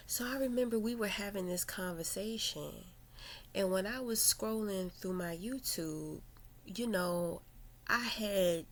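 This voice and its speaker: Woman vlogger, slow, halting confessional delivery with fillers and occasional near-whispers. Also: mid-range voice, a bit bright. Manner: reflective, halting, with many fillers and restarts. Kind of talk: personal confessional storytelling.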